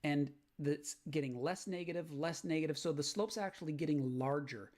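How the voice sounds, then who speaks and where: A man's voice: a little high, normal speed, crowd noise. A man teaching a math lesson on video, explaining graph sketching step by step and checking in with "right?". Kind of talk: recorded lecture walkthrough.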